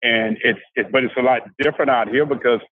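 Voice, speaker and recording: An older man from South Carolina, a guest talking about life after prison in a halting, casual way with many restarts. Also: medium pitch, no room sound. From South Carolina, USA. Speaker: formerly incarcerated guest. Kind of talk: casual conversational interview. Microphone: handheld phone on a video call. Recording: dry, tinny phone-like video call audio.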